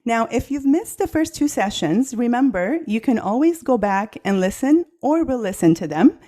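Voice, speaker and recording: Woman, podcast host, mellow warm tone, upbeat welcoming intro. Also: on the high side, lively intonation, normal speed. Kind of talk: scripted podcast opening.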